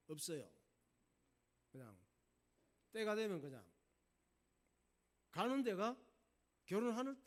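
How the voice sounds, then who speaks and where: A male pastor telling a folk tale in a casual, folksy sermon. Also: high-pitched. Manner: folksy, animated storyteller. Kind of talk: storytelling sermon.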